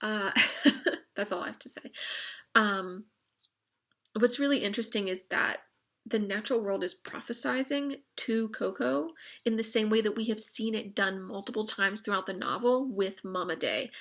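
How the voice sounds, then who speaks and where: A slightly hoarse woman leads an informal literature lesson in a chatty way, with many fillers and wry asides. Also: medium pitch, moderate pace, fairly bright tone. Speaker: book discussion leader.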